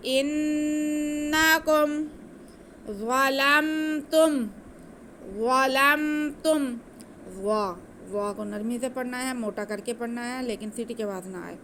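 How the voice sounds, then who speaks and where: A woman teaching Quranic recitation, patiently explaining each letter and then chanting the words slowly. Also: mid-range voice, steady tone, slight background noise.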